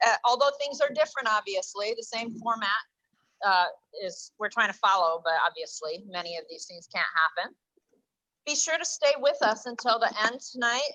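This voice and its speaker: A woman with a bright, forceful voice runs the announcements at a club meeting. She is chatty and reads numbers out slowly. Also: a little high, poor audio. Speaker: meeting organizer.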